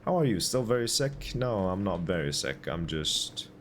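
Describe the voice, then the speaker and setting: A man's voice: low-pitched, very animated, moderate pace, slight background noise. A man streaming a game, chatting politely with viewers and thanking them, with a stuffy nose and a cough. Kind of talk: casual gaming commentary.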